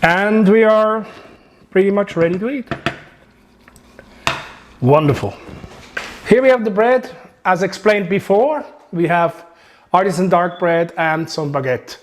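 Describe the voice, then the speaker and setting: Swiss-accented male chef, slightly higher voice, chatty and joking, home kitchen demo. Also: measured pace, pauses often. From Switzerland. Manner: chatty, joking, relaxed instructions. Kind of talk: home cooking demonstration.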